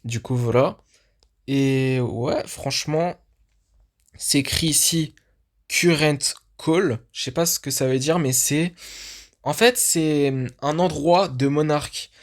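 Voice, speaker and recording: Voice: medium pitch, takes it slowly. An enthusiastic fan vlogger talks through a film teaser on screen. The delivery is loose and chatty, full of restarts and verbal fillers, and recorded at a home desk microphone. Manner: chatty, thinking aloud with many restarts and fillers. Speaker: YouTube channel host. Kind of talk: casual commentary on a film teaser.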